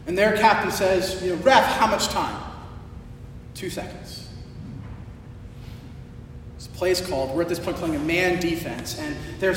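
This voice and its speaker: In a large, very echoey hall, a male preacher with a high-pitched voice is heard from a distance over faint rumbling noise. Slightly hoarse from shouting the day before, he tells his story conversationally, adding animated emphasis and drawing out his phrases.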